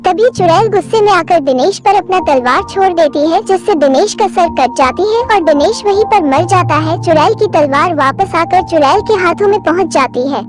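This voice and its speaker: A woman's voice: extremely high pitch, animated, moderate pace, few pauses, music in the background. A woman reading scripted narration for a cartoon story.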